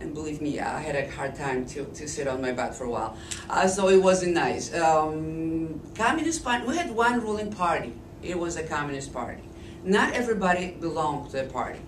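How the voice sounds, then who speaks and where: A woman from Poland in her fifties, speaking with a Polish accent, shares her life story as oral history testimony in a deep voice made hoarse by illness, yet her intonation is lively. She speaks slowly and deliberately with many restarts, captured by a distant Flip camcorder in an echoey room with a bit of hiss or hum.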